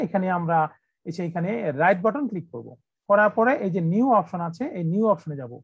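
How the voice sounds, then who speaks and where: A man from Bangladesh runs an online computer training for teachers over a video call. He explains each step, repeats himself often and fills pauses with "uh". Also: high-pitched, no echo, muffled recording. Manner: instructive, repetitive, many "uh" fillers.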